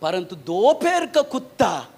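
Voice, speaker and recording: A male pastor preaching a sermon. He repeats phrases, questions the congregation, and swings from loud outbursts to low asides. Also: sing-song, slow pace. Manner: questions the congregation and tells them to read aloud.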